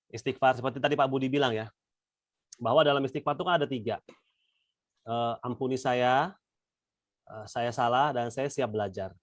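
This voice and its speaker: A man's voice: mid-range voice, dry recording. Dry-voiced man teaching on a call. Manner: relaxed conversational, addresses listeners as "Bapak Ibu". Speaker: speaker at a weekly religious study session. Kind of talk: informal religious teaching. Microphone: video call.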